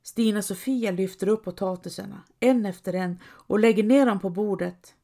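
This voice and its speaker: A woman reading an audiobook aloud in a calm, measured storytelling manner. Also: mid-range voice. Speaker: narrator. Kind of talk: audiobook narration.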